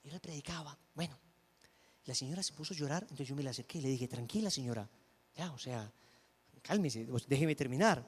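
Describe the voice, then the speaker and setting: A man preaching a sermon and telling a personal testimony, emphatic, moving between loud declaiming and hushed storytelling. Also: mid-range voice, expressive, a little fast, slightly rough, big-room sound.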